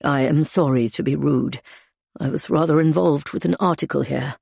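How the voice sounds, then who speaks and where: A woman voicing a quiet, formal German waiter who speaks in a very precise, polite manner. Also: fairly high pitch, fairly even intonation, moderate pace, creaky, breathy edge, no room sound, studio quality, exaggerated voice. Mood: polite, subdued.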